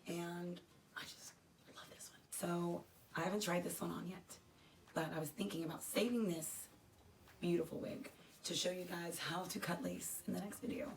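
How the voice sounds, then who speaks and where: A woman's voice: fairly low pitch, steady tone, moderate pace, vocal fry. A woman with a crackly, dry voice, chatting casually and rambling as she unboxes products for her vlog. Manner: chatty, rambling, self-deprecating. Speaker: unboxing vlogger. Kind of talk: casual unboxing chat to camera.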